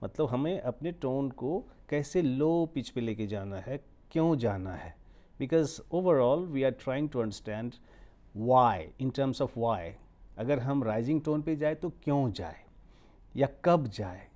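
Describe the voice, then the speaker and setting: A man hosting a show, teaching intonation and giving a closing address in a slow, deliberate way. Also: medium pitch, lively intonation, mellow. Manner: slow and deliberate, mixes Hindi and English, drawn-out words. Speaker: host and English pronunciation teacher.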